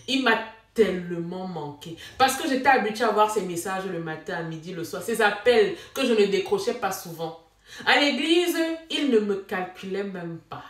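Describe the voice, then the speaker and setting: A young woman telling her own story in casual talk, dramatic and animated, with sudden exclamations. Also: medium pitch, distant mic. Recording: echoey room, a bit off mic.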